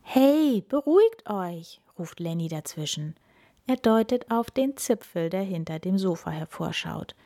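A woman reading a children's story aloud in an expressive, deliberate way. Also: fairly low pitch.

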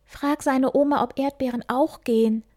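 A woman voicing an eager little male hare in a storybook reading, higher and louder than her narration. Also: steady tone, moderate pace. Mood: hopeful. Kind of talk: storybook character voice.

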